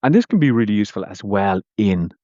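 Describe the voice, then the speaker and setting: An Irish man with a lowish voice talks through a quick communication tip like a coach. He tells it casually, full of friendly asides. The recording is dry and a little dull. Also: animated, dark tone, no room sound. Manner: chatty and anecdotal, with friendly asides. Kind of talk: casual talking-head teaching tip.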